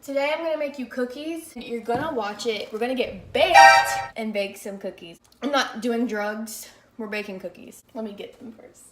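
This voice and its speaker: A woman's voice: a little high, moderate pace, few pauses, roomy sound, over music. A young woman vlogging in a home kitchen, chatting casually in a joking, self-mocking way into the camera mic. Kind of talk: casual chat. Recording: loud clicking noise in background.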